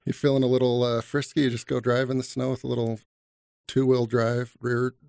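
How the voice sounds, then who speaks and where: A man hosts a podcast in an easygoing, joking way, with a gravelly edge to his mid-pitched voice. His voice is dry and close to the mic, with no room around it. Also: little pitch movement, a little fast, darkish tone, dry recording. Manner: easygoing, joking, laughs often. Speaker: podcast host. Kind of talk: casual interview hosting.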